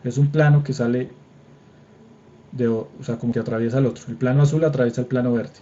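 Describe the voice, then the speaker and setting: A young Colombian man lecturing over a video call, his voice mellow and relaxed. He talks informally and keeps checking that everyone can follow along. The audio is a bit dull, with the faint clatter of typing behind him. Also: mid-range voice, quick pace, a little hiss or hum. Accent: Colombian Spanish. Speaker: engineering drawing lecturer. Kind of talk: online class lecture with screen demo. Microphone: computer mic on a video call.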